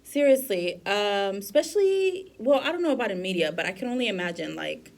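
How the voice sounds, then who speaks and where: A woman's voice: mid-range voice, animated, a little fast, vocal fry. A woman chatting candidly as a podcast guest, swearing freely and laughing often. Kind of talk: casual podcast chat.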